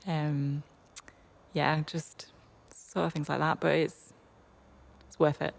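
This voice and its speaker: Low gravelly woman, flat chat. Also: slow pace. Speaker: touring folk musician. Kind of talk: casual chat.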